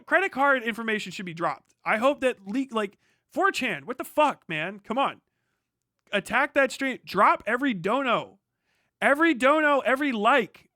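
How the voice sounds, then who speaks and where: Reacting live to a news video, a male streamer reads passages aloud and goes on rants in a high, bright, forceful voice. He is blunt and profane, and the recording is dry and close.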